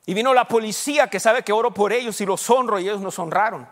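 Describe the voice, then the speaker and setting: High-voiced pastor preaching in a hall. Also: male voice. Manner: preaching with questions to the congregation, rushed bursts. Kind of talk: sermon. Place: church sanctuary.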